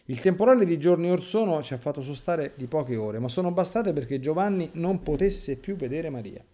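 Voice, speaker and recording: A man's voice: on the high side, lively intonation, brisk, dark tone. A man reading aloud as a young apostle who is weeping with grief and fear, pleading in a raised, urgent voice. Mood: distressed.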